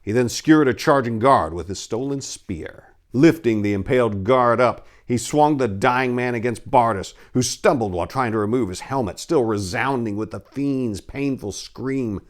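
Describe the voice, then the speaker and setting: His pitch is medium, his speed normal, and he pauses little. This man, a narrator and story editor, addresses listeners as a hammy, theatrical storyteller, offering dramatic narration and informal talk.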